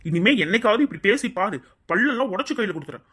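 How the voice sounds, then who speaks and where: Woman doing a young cartoon neighbour, very fast, hot-tempered, threatening. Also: mid-range voice, animated, a bit bright, husky. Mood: angry. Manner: combative, threatening. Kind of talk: cartoon voice acting.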